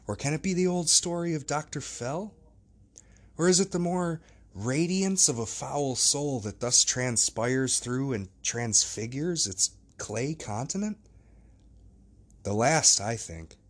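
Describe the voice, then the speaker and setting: A man's voice: mid-range voice, lively intonation, slow, voice pushed up. A man voicing a perplexed, earnest older lawyer in a storybook reading, speaking in a raised, emphatic voice. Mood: troubled.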